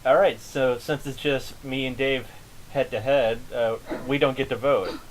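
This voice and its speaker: A young man hosting a podcast in casual chat, relaxed and steering the talk with repeated "all right". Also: medium pitch, unhurried, rough recording. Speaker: podcast host.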